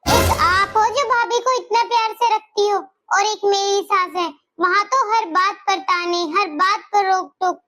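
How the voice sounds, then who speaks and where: Woman voicing a spoiled, complaining young wife, very high voice. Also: fairly even intonation, unhurried, pushed and bright, exaggerated voice. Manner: complaining, bossy. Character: sulky spoiled young married daughter. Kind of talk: cartoon story voice acting.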